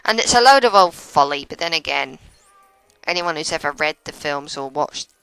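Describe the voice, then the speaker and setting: Woman, casual gameplay commentator, deep-ish crisp dry voice, self-deprecating and prone to stumbles. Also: lively intonation, moderate pace, fairly bright tone, no echo, poor audio. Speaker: let's play commentator.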